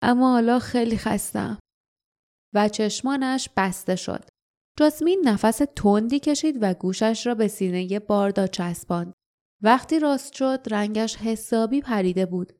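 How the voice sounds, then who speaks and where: A woman narrating an audiobook in a steady storytelling read. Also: mid-range voice.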